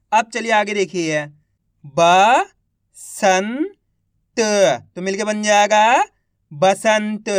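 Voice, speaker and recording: A man's voice: high-pitched, fairly bright tone, clear, resonant tone, no room sound, clean studio sound. A man teaching Hindi reading who sounds out words syllable by syllable and encourages his viewers. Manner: encouraging, addresses viewers as friends. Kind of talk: online reading lesson.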